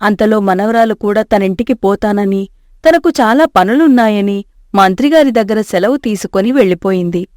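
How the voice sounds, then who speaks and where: A woman narrating a scripted storybook tale in a steady, measured way. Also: medium pitch, dry recording, studio quality.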